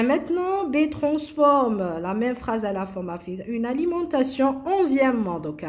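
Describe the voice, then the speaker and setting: A French teacher works through exercises, switching between French and Arabic and spelling words out slowly. Her voice sits a little high and moves up and down a lot as she explains. The delivery is patient and repetitive. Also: a little mellow. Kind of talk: classroom lesson explaining grammar.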